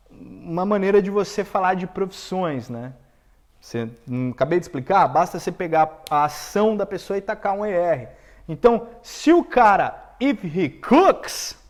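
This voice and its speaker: Lively Brazilian man teaching English. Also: sits high. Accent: Brazilian Portuguese. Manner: animated, quizzes viewers, repeats example sentences slowly. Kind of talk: live-streamed language lesson. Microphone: camera setup for a live stream.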